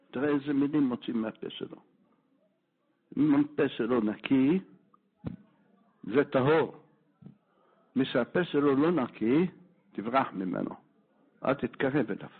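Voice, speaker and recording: A man giving a Torah class as a rabbi, telling a moral story and acting out the people in it. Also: fairly high pitch. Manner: animated storyteller who acts out the quoted characters. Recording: tinny phone-like lo-fi sound.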